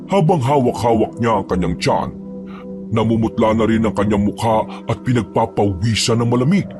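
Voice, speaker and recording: A man narrating a horror story in a steady, grave manner. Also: fairly low pitch, normal speed. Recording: narration over loud music.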